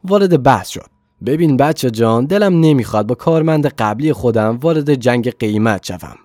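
A man narrating a novel as an audiobook, calmly quoting the characters in his own voice. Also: mid-range voice, no echo, clean studio sound.

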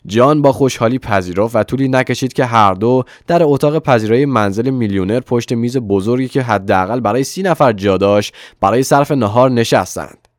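Male audiobook narrator, mid-pitched, steady reading, close dry mic. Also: dry recording. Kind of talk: storybook narration.

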